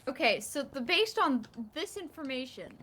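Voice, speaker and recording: Brief: female co-streamer, high and lively voice, rambling and playful, distant home mic. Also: moderate pace, a little hiss or hum. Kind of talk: casual live-stream chat while gaming. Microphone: sitting far from the mic.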